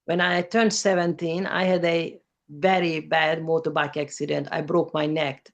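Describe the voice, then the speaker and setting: A woman speaks careful, simple English as an interview guest. Her voice has a gravelly, creaky texture. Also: sits low, little pitch movement, moderate pace, muffled recording. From former Yugoslavia. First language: Hungarian. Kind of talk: personal testimony in an interview.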